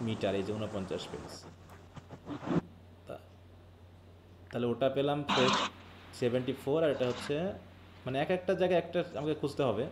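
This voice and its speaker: A man's voice: medium pitch, lively intonation, moderate pace, long pauses, very noisy. A man from Bangladesh teaching English literature in a live online class. He explains step by step, mixes English terms into his speech and keeps quizzing his students.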